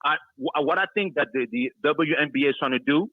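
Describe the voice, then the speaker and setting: A man's voice: fairly high pitch, quick pace, dry recording. A man from Cameroon calling in to a sports show, who keeps restarting and repeating words before he gets his point out. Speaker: caller. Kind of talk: phone-in call to a sports show. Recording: tinny phone line.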